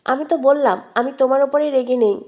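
A woman reading out the lines of a hurt young woman who answers her friend quietly and briefly. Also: high-pitched, a little fast, highs cut off, natural voice. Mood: subdued. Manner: quiet, subdued, clipped.

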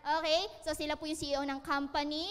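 High-voiced joking woman in a hall. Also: little pitch movement, fast, fairly bright tone. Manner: joking, laughing, asks listeners questions. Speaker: seminar speaker. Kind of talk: lively seminar talk. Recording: long hall reverb.

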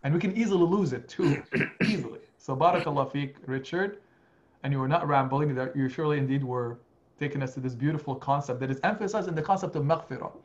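A man in his forties guides an online study session from his home office, speaking earnestly and gently while weaving in Arabic religious phrases. His voice sits on the high side for a man. The webcam audio comes through dull and muffled. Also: quick pace. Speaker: imam teaching a study circle. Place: home study with lamp and bookshelf. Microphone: video call webcam.

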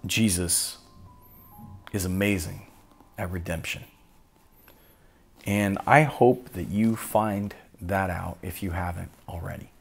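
A man preaching a solemn sermon as pastor, slow and deliberate, with long pauses between phrases. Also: low voice, gravelly, breathy edge, faint music behind.

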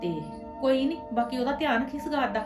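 A woman's voice: high-pitched, fairly quick, distant mic, natural voice. A middle-aged woman playing a scheming aunt who arranges a match, persuading and pressing for agreement. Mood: coaxing. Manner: persuasive, keeps asking for agreement. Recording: echoey room, voice from afar, music behind.

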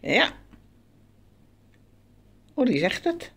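Woman, playful pet-bird chat, high voice, very lively sing-song swoops, slow unhurried talk. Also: creaky, slightly rough. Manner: coaxing, sing-song, high squeals of praise. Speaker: pet bird owner filming her birds.

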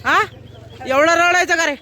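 Very high-voiced teasing young man. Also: normal speed, pushed and bright, slight background noise. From Maharashtra, India. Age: young adult. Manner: playful, teasing friends to cry. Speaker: vlogger. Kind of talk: casual teasing vlog chat. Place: outdoors at a busy camp farewell. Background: crowd of students chatting.

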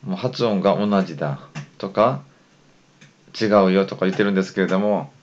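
Deep slow guy with a korean first language, patient teacher sounding out syllables, dull lo-fi audio. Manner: patient, models syllables slowly one by one. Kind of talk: pronunciation lesson.

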